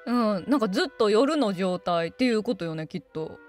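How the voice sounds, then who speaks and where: A woman's voice: medium pitch, animated, brisk, faint music behind. A woman doing casual let's-play commentary and reading along with the game. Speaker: game streamer.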